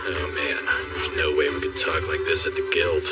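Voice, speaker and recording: A man voicing a burly male warrior in an anime English dub, measured and wry with dry humor. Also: very deep voice, little pitch movement, loud music behind the voice. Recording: distant voice with faint score.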